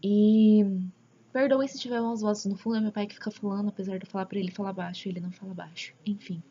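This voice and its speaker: A woman with a Brazilian accent gives a casual, earnest religious testimony at home, often dropping into a hushed near-whisper. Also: mid-range voice, steady tone, fast talker. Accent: Brazilian Portuguese. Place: at home, father talking in the background. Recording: dull lo-fi home recording with faint background noise.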